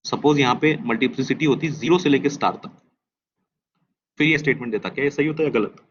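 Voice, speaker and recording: Guy teacher going through test answers, hindi english mix, repeats stuff slow, keeps asking the class, dull lo-fi audio. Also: mid-range voice, slightly rough. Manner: mixes Hindi and English, repeats key statements slowly; quizzes students with questions. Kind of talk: test discussion lecture.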